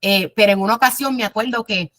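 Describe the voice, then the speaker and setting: Woman, Bible class teacher, conversational storytelling, talks to listeners, mid-pitched voice. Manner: warm storytelling, addresses listeners directly, frequent "eh" pauses.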